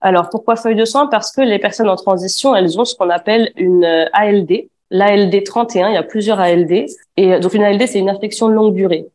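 A woman's voice: medium pitch, quick pace, hardly any pauses, a little mellow. A woman in her twenties from Afghanistan, giving a spoken personal testimony with frequent fillers and restarts. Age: 20s. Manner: hesitant, many fillers and restarts.

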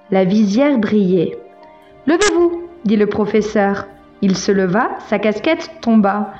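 A woman narrating a literary text in a measured, even reading. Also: on the high side, dull audio. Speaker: audiobook narrator.

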